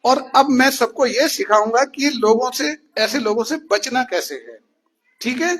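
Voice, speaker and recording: A man voicing a brave, clever young deer who calmly explains himself to a lion. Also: extremely high pitch, unhurried, husky, exaggerated voice. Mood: calm, explaining.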